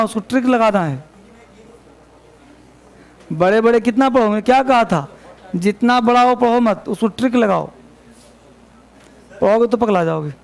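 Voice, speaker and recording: A man who teaches English gives a grammar lesson in the classroom with a high, rough, gravelly voice. He goes back over key points, corrects pronunciation, and calls the class to order in an affectionate, scolding way.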